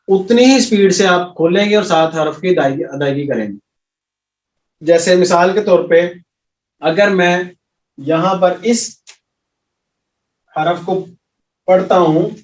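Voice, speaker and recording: A man teaching an Arabic recitation class, patiently repeating sounds slowly and quizzing his students. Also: high voice. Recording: echoey room, voice from a distance, dull sound.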